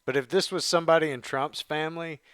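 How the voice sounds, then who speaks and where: A man co-hosting a casual podcast, talking in loose, rambling sentences padded with fillers. His voice sits a little high, and the recording is very dry with no room sound. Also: fairly even intonation, fast talker, fairly bright tone, clear, resonant tone, dry recording. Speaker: podcast co-host. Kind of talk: casual political discussion.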